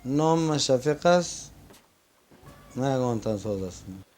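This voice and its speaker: A man in his forties from Afghanistan, an ironworker, giving a quick, plain self-introduction in a documentary interview. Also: medium pitch, expressive, darkish tone, slight background noise. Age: 40s.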